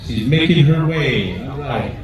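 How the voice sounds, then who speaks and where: A man working as a powwow emcee, announcing over a PA with drawn-out names and joking asides. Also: medium pitch, lively intonation, muffled recording. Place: large powwow event over loudspeakers. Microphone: PA microphone, recorded at a distance. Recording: echoey PA from far off, crowd around.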